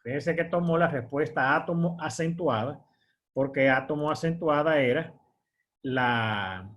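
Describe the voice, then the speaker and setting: A man's voice: a little high, a little slow, a bit bright. A man, teaching an online course as a screen-share tutorial, explaining step by step with fillers and frequent "verdad?" checks.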